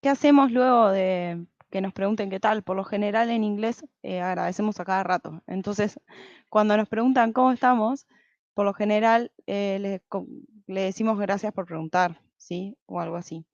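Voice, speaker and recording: A woman's voice: mid-range voice, normal speed, dry recording. Woman teaching beginner english, patient and step by step, dry slightly muffled mic. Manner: patient, explains step by step, keeps checking with "¿sí?". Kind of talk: online lesson with slides.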